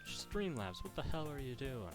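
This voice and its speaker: A male streamer with a slight Irish-sounding lilt reads a game aloud live over game music. His mid-range voice is sing-song at a normal speed. He giggles, rambles, and keeps interrupting himself.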